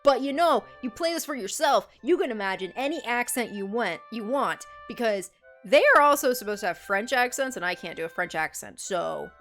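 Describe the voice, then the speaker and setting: A woman's voice: fairly high pitch, animated, moderate pace, fairly bright tone, soft background music. A woman gaming streamer reading a story game aloud, tripping over long words and laughing at herself. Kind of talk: reading a visual novel aloud with asides.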